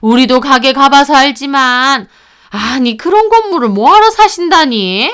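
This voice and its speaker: Woman voicing a high, scornful mother-in-law for a narrated story, scolding and sneering. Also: animated, unhurried, fairly bright tone. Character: scornful middle-aged mother-in-law, sharp-tongued.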